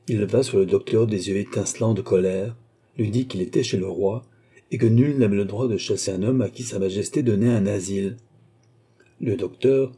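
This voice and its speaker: A man narrating a classic novel as an audiobook, in a measured, steady storytelling manner. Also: fairly low pitch, breathy edge.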